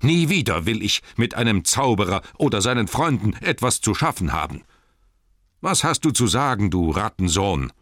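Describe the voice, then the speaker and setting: A man's voice: fairly low pitch, sing-song, normal speed, few pauses, fairly bright tone, dry recording, clean studio sound, pitched above the performer's own voice. Thorin, a man voicing an enraged dwarf king. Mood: furious. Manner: bellowing, harsh and commanding. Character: proud furious male dwarf king. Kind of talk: audiobook character voice.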